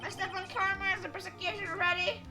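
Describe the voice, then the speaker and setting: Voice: very high voice, flat delivery, fast talker, music in the background, pitched above the performer's own voice. A player voicing a timid old male judge who speaks hesitantly and gives in easily. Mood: formal. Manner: meek, hesitant.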